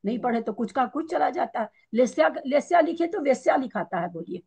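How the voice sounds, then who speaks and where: This is a woman leading a scripture class, her voice a little husky and set fairly high. She talks in a loose, chatty way and restarts her sentences. She explains with simple household examples. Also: big pitch swings, fairly quick, a little mellow. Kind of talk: casual teaching talk.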